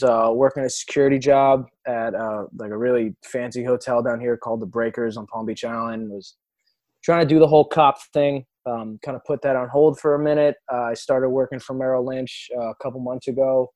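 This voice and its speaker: A young man with a New York accent, a guest on a podcast, talking loudly and joking with his friend. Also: medium pitch, steady tone, normal speed, no echo. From South Florida. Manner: loud, boisterous and joking. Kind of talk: casual podcast conversation.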